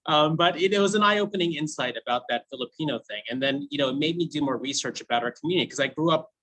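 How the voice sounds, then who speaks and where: A slightly high, fast voice with a fairly bright tone belongs to an American man in his thirties who founded a food brand. Chatting casually to a class, he laughs frequently and fills pauses with "you know," and the recording is low in quality.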